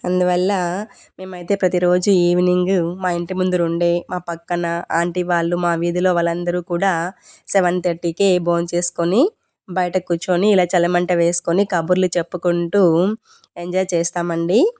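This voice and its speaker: A woman vlogger talks straight to her viewers in a polite, chatty way. Her voice is on the low side and stays very even in pitch. The sound is dry and close, as she explains things casually. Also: normal speed, smooth, no echo. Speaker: home vlogger. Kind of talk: casual vlog narration addressed to viewers.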